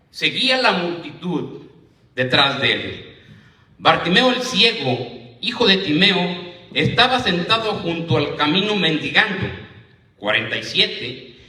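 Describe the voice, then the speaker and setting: A man with a high, pushed, bright voice preaches a sermon as minister to a church congregation, reading scripture aloud, calling listeners "hermano" and often asking "¿verdad?" ("right?"). The recording is echoey, with his voice heard from a distance in the church.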